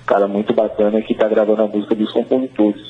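A man's voice: lowish voice, flat delivery, quick pace, soft background music. A man with a Bahian Brazilian accent, speaking conversationally as a guest calling in to a radio interview. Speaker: phone-in guest, music project organiser. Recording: dull, band-limited remote call.

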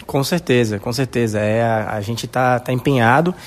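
A Brazilian solar energy businessman, speaking with a Brazilian Portuguese accent, answers a reporter's questions in an on-site news interview, confident but with many fillers. His voice is mid-range at normal speed, recorded in an echoey hall with slight background noise.

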